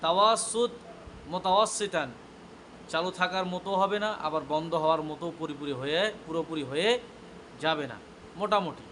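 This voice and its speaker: A man with a high, bright voice teaches a class, firing short questions and answering them himself. He drills each point several times and spells out letter names slowly, one by one. The recording is made in a classroom, with clear background noise under his voice. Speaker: Quran recitation teacher. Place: classroom with students present.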